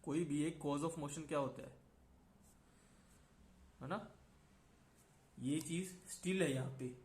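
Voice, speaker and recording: Slow and somewhat high-voiced, with a darkish tone, a man gives a physics lecture in a reverberant space, mixing Hindi and English. He works through the material step by step, often checking in with "है ना".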